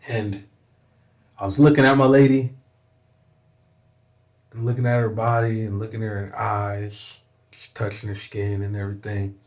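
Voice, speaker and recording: A man's voice: fairly low pitch, flat delivery, normal speed, pauses often, darkish tone. Candid, profane man from Southern California. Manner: emphatic and profane, with frequent "you know what I'm saying". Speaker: podcast guest, rapper. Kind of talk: candid personal storytelling.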